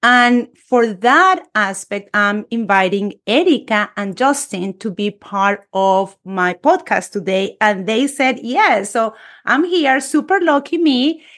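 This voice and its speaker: Woman host, fairly high voice, lively and gushing, talking over a video call. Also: slow pace. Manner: enthusiastic, expressive. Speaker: podcast host. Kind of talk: casual interview chat.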